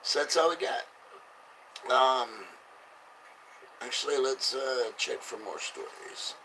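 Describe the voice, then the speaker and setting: A man's voice: medium pitch, takes it slowly, creaky, sharp tone, a little hiss or hum, rough recording. A man who sounds drunk, rambling through casual, blunt, sweary commentary as he reads out headlines. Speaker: host reading and reacting to news.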